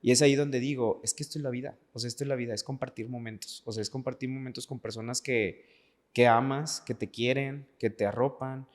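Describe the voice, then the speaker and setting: Brisk and steady in tone, the mid-range voice belongs to a Veracruz-born dancer of about thirty appearing on a podcast. He is earnest and personal, often repeating words for emphasis, and the room gives off an echoey reverb.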